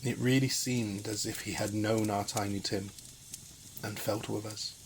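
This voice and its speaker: A man plays a kindly working father in mourning in a Victorian audio drama. His fairly low voice is gentle, earnest and tender. A faint noise sits behind the recording. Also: steady tone, measured pace, poor audio. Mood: tender grief.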